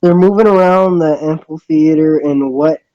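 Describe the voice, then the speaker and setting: Over a dull-sounding microphone, a narrator haltingly reads a visual novel, performing the characters' dialogue. The voice is medium in pitch with a dark tone.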